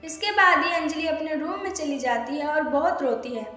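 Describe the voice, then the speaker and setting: A woman's voice: high-pitched, animated, normal speed, sharp tone. A woman narrating a moral tale as a storybook reading, briefly voicing each character. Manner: reads plainly, briefly voices each character. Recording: very echoey room with music.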